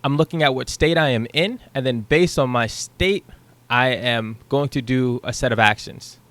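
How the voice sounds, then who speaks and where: Speaking at a moderate pace in a mid-range, fairly bright voice, a young programming tutor casually walks through his code over a screen share. He thinks aloud, dropping the odd um and a questioning "right?", recorded without echo on a headset in his small home room.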